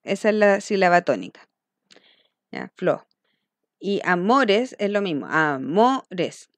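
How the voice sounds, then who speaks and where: A woman's voice: mid-range voice, big pitch swings, a little slow, no echo. Woman, young adult, school teacher, step-by-step explaining, dry close sound. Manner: explains step by step, checking in with frequent "¿ya?". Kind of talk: recorded online lesson.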